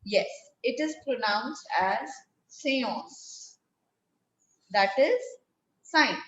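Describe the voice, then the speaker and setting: Woman teacher, high voice, slow careful delivery, roomy lo-fi video call sound. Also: animated, a bit bright. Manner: patient, repeats words for pupils to echo. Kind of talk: online class lesson. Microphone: laptop mic on a video call.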